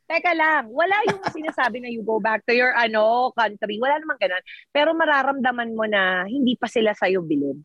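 A woman's voice: on the high side, animated, a little fast, a bit bright, no echo, dull audio. A woman from the Philippines in her thirties, a teacher working abroad, talking animatedly in a casual chat with laughs and self-corrections.

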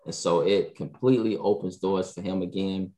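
Low-voiced man hosting a sports podcast. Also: moderate pace. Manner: animated, repeats himself often. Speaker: podcast host. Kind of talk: casual sports talk.

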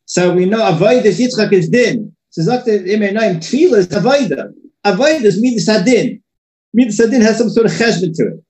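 A man's voice: sits high, lively intonation, fairly quick, darkish tone. A man giving an informal religious lesson, talking loosely and often repeating and restarting his words, heard in an echoey room. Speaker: religious teacher.

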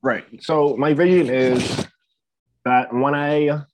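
Heard through dull lo-fi audio with a bit of hiss or hum, a man from the Bahamas in his twenties chats casually as an interview guest on a podcast. He's a student athlete and entrepreneur with a steady, mid-range voice and a slow pace, often hesitating and repeating phrases as he thinks.

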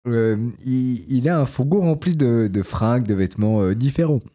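A man putting on a mock accent for a joke, talking in a stiff, over-formal, halting way with many fillers, as part of an improvised game among friends. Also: on the high side, very animated, warm tone.

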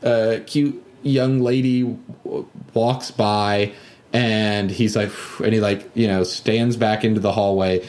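A man's voice: lowish voice, takes it slowly. A man in casual podcast chat, animatedly retelling a video game scene and acting out characters' lines. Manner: animated, acts out characters in yelling voices.

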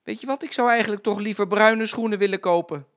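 A man's voice: high voice, fast, a bit bright, pitched above the performer's own voice. Grandpa putting on a fussy, demanding lady. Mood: complaining. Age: older.

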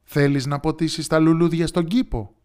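Man doing a gentle coaxing mother. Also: fairly high pitch, steady tone, clear, resonant tone, faint music behind, pitched above the performer's own voice, lightly acted. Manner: gentle, coaxing, sing-song riddle reading. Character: patient loving mother, gentle and encouraging. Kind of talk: storybook character voice.

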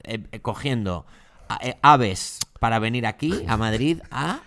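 A man's voice: medium pitch, animated, measured pace, fairly bright tone. A man co-hosting a podcast in casual chat, giving exaggerated, mock-dramatic warnings. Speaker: podcast co-host.

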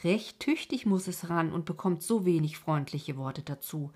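A woman voicing a kind, firm colonel's wife who talks a sick man round calmly. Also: on the low side, moderate pace, breathy edge. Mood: persuasive. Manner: calm, soothing persuasion.

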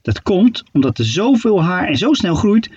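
A male storyteller reading a children's tale with a lively, playful lilt. His voice is husky and somewhat high, and it comes across dull and muffled. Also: normal speed, no echo. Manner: playful, expressive storybook narration.

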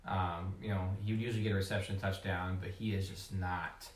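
Low voice guy rambling w lots of "like", sounds far off in a roomy echo. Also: fairly even intonation, fairly quick. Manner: rambling, lots of "like" and "you know". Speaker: podcast panelist. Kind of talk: casual chat about fantasy football. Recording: roomy echo, a bit off mic.

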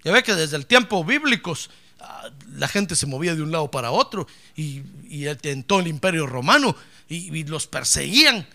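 A male pastor preaching a sermon, emphatic and repetitive, swinging from hushed asides to loud cries. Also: a little high, sing-song, normal speed, vocal fry.

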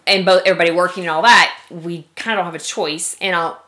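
A woman talks quickly in a relaxed chat among friends, full of self-deprecating asides. Her voice sits fairly low but sounds bright and crisp at the top, and she moves fast from one thought to the next. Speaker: podcast co-host.

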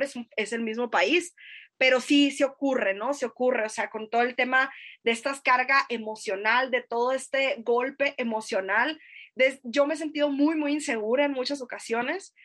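A woman in her thirties with a northern Mexican Sonoran accent and a high, fairly bright voice chats casually as a podcast guest. Recounting her experiences, she hesitates and restarts often, with many fillers and frequent tag questions.

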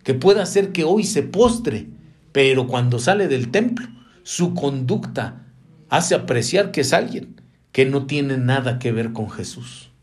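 A man preaching a sermon, animated, leaping up in pitch and dropping to hushed asides, calling the listeners brother. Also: unhurried.

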